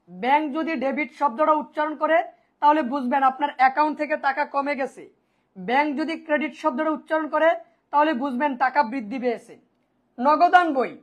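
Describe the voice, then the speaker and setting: A woman teaching an online accounting class, asking and answering her own questions and repeating key points, often checking whether students follow. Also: high voice.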